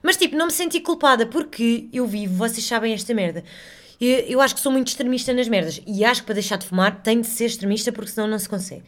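A woman's voice: a little high, expressive, fast. A woman with a European Portuguese accent hosting a casual solo podcast, rambling and chatty, swearing freely and poking fun at herself. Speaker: podcast host.

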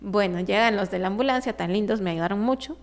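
A woman telling a personal story in casual conversation, animated and often laughing, with many fillers. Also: mid-range voice, quick pace.

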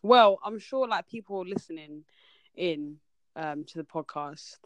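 A woman's voice: fairly low pitch, animated, unhurried, dry recording. A young woman hosting a casual podcast chat. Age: young adult. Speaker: podcast host.

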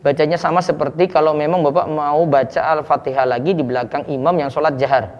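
A man's voice: on the high side, fairly even intonation, fast talker, a little mellow, in a large hall, muffled recording. A man, a religious teacher, answering questions casually and explaining with everyday examples. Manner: explains with everyday examples, keeps addressing the asker.

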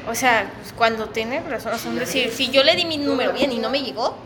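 A woman's voice: a little high, brisk, a crowd in the background. A woman with a Mexican Spanish accent chatting casually on a podcast, teasing with short interjections. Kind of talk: casual chat.

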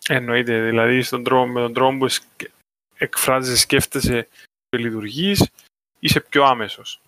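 Male, Cypriot Greek accent, bright forward voice, casual discussion, dry close sound. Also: mid-range voice, steady tone, no echo. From Cyprus.

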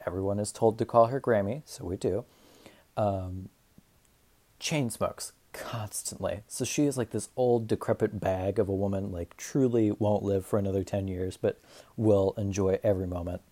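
A man's voice: on the low side, fairly even intonation, moderate pace, mellow. A young man hosting a casual solo podcast, rambling and profane, cracking self-deprecating asides. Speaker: podcast host.

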